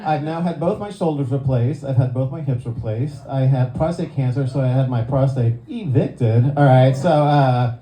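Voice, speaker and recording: A man in his sixties doing a stand-up comedy set, self-deprecating and quick with punchlines, slipping into voices for his friends. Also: medium pitch, warm tone. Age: 60s. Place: club stage before a live audience. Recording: echoey room, faint crowd ambience.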